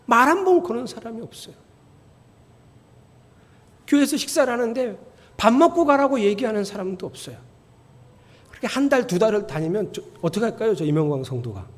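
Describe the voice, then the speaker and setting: Animated Korean pastor preaching in a reverberant hall. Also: male voice, high-pitched, a little fast, long pauses. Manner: animated storytelling, rising to near-shouting emphasis. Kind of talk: sermon. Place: church sanctuary.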